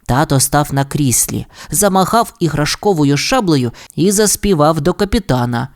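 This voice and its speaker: A man narrating a children's audiobook story in an expressive, playful way. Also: a little high, moderate pace. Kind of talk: audiobook fairy tale narration.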